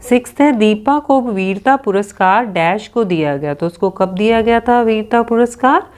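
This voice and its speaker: A woman's voice: mid-range voice, moderate pace, a little mellow. A woman teacher working through a worksheet with children, reading out options and spelling words letter by letter.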